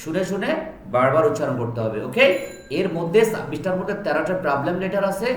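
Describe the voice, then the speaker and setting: A man's voice: fairly high pitch, animated, fast talker, fairly bright tone. A man teaching English pronunciation in a tutorial, carefully repeating each letter sound and mixing English phrases into his explanations. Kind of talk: slow classroom-style tutorial. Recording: echoey room with faint background noise.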